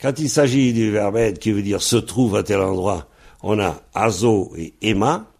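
Slow, gravelly man teaching grammar. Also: lowish voice, a little mellow. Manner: hesitant, many fillers, spells words out letter by letter. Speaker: Breton language teacher. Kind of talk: slow explanatory grammar lesson.

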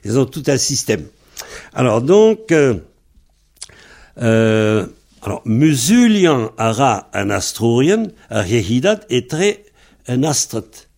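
A man gives a methodical language lesson at an unhurried pace. His voice has a gravelly, fry-tinged texture. He works patiently through each word, spelling it out one letter at a time. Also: mid-range voice, big pitch swings, a little mellow. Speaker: Breton language teacher.

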